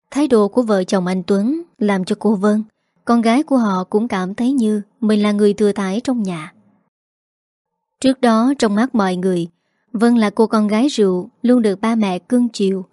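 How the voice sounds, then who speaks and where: A woman narrating a story in a steady, earnest storytelling voice. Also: mid-range voice, no echo, clean studio sound.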